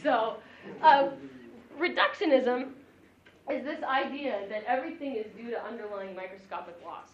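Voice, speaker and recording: A woman physics lecturer teaching a class, animated and joking, chuckling between her points. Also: fairly high pitch, moderate pace. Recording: echoey, dull lo-fi room recording.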